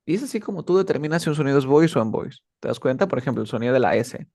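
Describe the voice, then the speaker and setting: A man's voice: medium pitch, animated, rapid-fire, vocal fry, darkish tone, no echo, studio quality. A man teaching an English lesson in a patient, casual way, often checking that he is understood.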